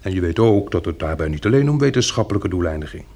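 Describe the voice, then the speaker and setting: In a radio drama, a male actor with a deep voice plays a calm, practical survivor, his mood grave as he reasons things through. He speaks in a measured way and soothes others like a tender protector.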